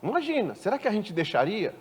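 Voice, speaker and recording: Lively high-voiced preacher. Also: male voice, fast, slightly rough. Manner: animated, questioning the congregation, playful asides. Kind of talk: sermon. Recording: long church-hall reverb.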